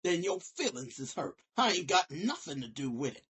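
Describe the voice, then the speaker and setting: A woman student confronting officials in a disciplinary meeting, defiant and combative, swinging between shouting and low, menacing threats in informal speech. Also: big pitch swings, normal speed, slightly rough. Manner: informal, nonstandard grammar.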